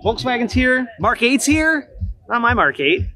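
A man's voice: extremely high pitch, very animated, unhurried, pushed and bright, faint music behind. A man vlogging casually outdoors at a gas station and a car show, upbeat and chatty with jokey asides. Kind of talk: casual vlog chat.

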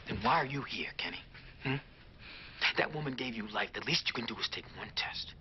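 A man doing pleading brother, urgent, dull lo-fi sound, steady hiss. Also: mid-range voice, fairly quick, close to an everyday voice. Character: pleading brother urging a family duty. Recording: dull lo-fi TV audio with noise.

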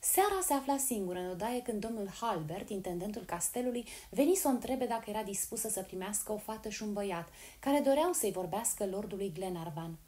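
Woman narrating a classic novel, mellow. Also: medium pitch, few pauses. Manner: clear, steady storytelling narration. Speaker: audiobook reader. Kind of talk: reading a classic novel aloud.

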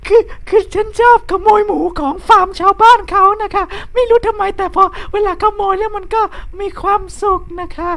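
A man doing a sugary falsetto girl. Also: steady tone, moderate pace, gravelly, hardly any pauses, fairly bright tone, exaggerated voice. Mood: coy. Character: girly young woman pig thief.

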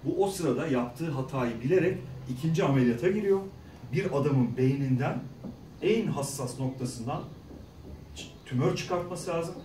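A middle-aged man speaking as a guest at a school career day, telling stories in a lively way and acting out the people he quotes. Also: on the high side, normal speed, a little hiss or hum. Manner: animated, acts out quoted voices, jokes with the audience. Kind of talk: lively storytelling talk to students. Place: large echoey school hall. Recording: echoey hall, speaker far from mic.

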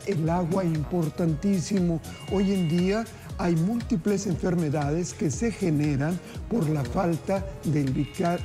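Upbeat TV cooking host, mellow voice. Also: male voice, fairly high pitch. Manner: upbeat, folksy, addresses viewers as family. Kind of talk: TV cooking segment, addressing viewers. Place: TV studio kitchen set. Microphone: lapel mic.

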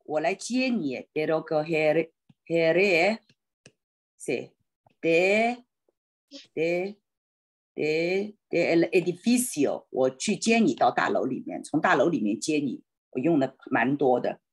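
A woman teaching an online Spanish class in Chinese on a video call, thinking aloud and hesitating, slowing down on Spanish words. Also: extremely low pitch, big pitch swings, breathy edge.

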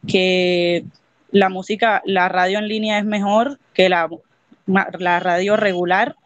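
A student speaks slowly and hesitantly on a call, searching for words as they go. The voice sits in a middle range, and the audio is dry and muffled. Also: medium pitch, fairly even intonation, fairly bright tone, no echo.

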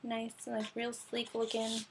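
A woman's voice: on the high side, completely flat delivery, slow pace, noisy background. A young woman chatting casually through a makeup product review, with lots of ums and little laughs. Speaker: beauty vlogger.

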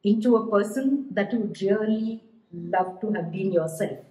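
A woman's voice: mid-range voice, moderate pace, mellow. A middle-aged woman hosting a podcast, chatting casually in a blunt, teasing way and laughing easily. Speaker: podcast host and coach. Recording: roomy, echoey sound.

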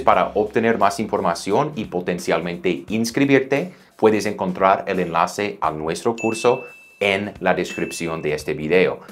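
A male pronunciation teacher with a very low voice leads an online language lesson, patiently drilling words slowly for learners to repeat. Soft background music plays underneath.

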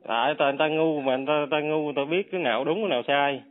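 Taunting, quick-talking man on a phone call. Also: a little high, dry recording. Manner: defiant, taunting, dismissive. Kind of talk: heated phone argument. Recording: tinny phone line, dry.

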